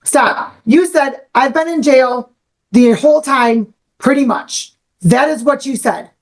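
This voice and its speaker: A young woman serves as the judge, her voice sitting a little high. She speaks firmly and sternly, laying out court procedure in a measured way. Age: young adult.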